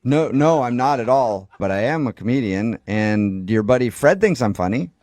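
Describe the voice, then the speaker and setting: A radio host making a prank phone call while posing as a doctor, talking in a sly, deadpan way and stifling laughs. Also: male voice, mid-range voice, moderate pace, no room sound.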